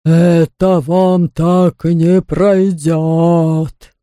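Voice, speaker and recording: A spiteful ice ghost that crawls through its threats at a howling crawl, as a woman reads it out. The voice stays smooth and resonant, every syllable dragged out. It brags and sneers like a storybook villain. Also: on the low side, flat delivery, dark tone, dry recording, studio quality. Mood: menacing. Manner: drawn-out, howling delivery. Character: boastful icy ghost, booming and spiteful.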